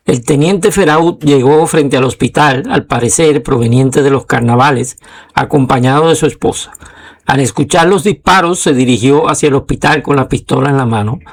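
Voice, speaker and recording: Man, documentary narrator, measured, steady, gravelly, mid-pitched.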